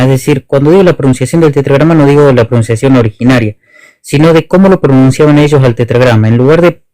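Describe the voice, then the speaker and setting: A man's voice: on the high side, darkish tone, no room sound, rough recording. A man, a guest Hebrew teacher, explaining carefully over an online call, with many restarts and rephrasings. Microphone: online video call.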